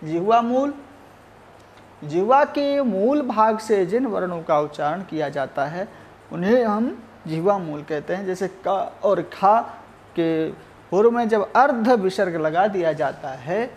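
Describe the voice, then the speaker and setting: A male Sanskrit teacher giving a recorded lesson, measured and explanatory, sounding out each letter. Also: high voice, lively intonation, a little mellow.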